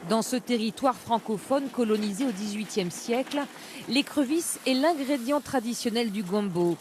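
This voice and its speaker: A woman's voice: on the high side, animated, normal speed, background noise. A woman reporter reading scripted narration for a television news report.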